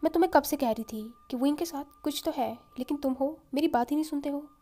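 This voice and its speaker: A woman voicing a calm, caring young female healer who speaks gently with a light teasing edge. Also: high-pitched, fast, close to an everyday voice.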